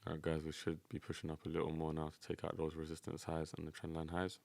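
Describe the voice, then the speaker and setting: A man's voice: extremely low pitch, completely flat delivery, quick pace, gravelly, darkish tone, dry recording. A man giving casual, slangy live trading commentary as a streamer, talking directly to his viewers. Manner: slangy, addressing viewers as guys. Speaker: day trading streamer and teacher.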